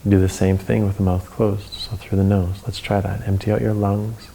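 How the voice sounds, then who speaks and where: A man giving guided breathing instruction as a yoga teacher, in calm, measured steps with pauses between short cues. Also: sits low, creaky.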